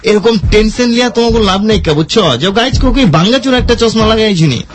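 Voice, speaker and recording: Man with an Old Dhaka dialect, very high pitch, comic radio host who jokes around. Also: expressive, brisk. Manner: joking, playful, teasing. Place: radio studio.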